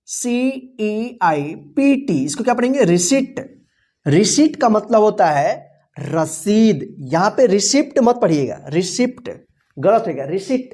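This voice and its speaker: A woman's voice: medium pitch, darkish tone. A woman teaching an English vocabulary lesson. She spells words out letter by letter, asks the learners questions and patiently repeats each answer and its meaning. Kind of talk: classroom-style vocabulary lesson.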